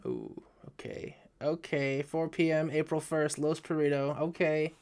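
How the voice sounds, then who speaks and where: A man's voice: fairly high pitch, little pitch movement, measured pace, a little mellow, clean tone. Drunk man rambling on a live stream. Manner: rambling, swearing, stumbling over words. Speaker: live streamer reacting to a video. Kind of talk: casual live reaction commentary. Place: his own room.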